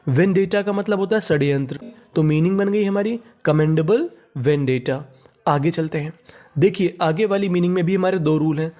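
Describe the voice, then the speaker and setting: Guy teaching english words, spells them out, keeps asking what do we read, kinda high voice. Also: normal speed, mellow. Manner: repeats each word and asks "what do we read?".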